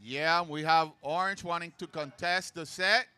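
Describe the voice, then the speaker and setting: Bright, crisp male surf announcer from Puerto Rico. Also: a little high, steady tone, measured pace. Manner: informal, chatty, switches into Spanish for asides. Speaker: local surf contest co-host and announcer. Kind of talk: casual live commentary and chat.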